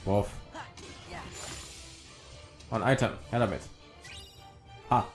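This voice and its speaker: A man's voice: lowish voice, drawn-out words. A young man casually commenting on a game he is playing and reading the subtitles aloud in an offhand way. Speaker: let's player. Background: game music.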